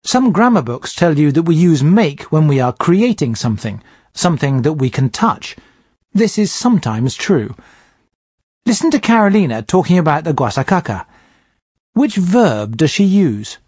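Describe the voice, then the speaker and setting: A man with a slightly husky voice, an English teacher explaining words in a calm, scripted lesson. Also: fairly high pitch, no room sound, studio quality. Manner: clear, measured explaining.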